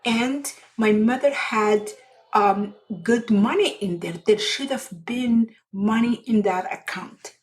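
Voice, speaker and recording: On her personal storytelling podcast, a middle-aged host from Somalia talks in a fairly high voice, earnest and unhurried, pausing and restarting as she goes. The recording quality is poor.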